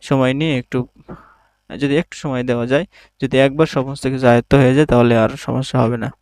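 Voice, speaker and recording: A man teaching an online Quran lesson, spelling out Arabic letters slowly syllable by syllable. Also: mid-range voice, steady tone, darkish tone, no room sound. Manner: slow, methodical syllable-by-syllable drilling.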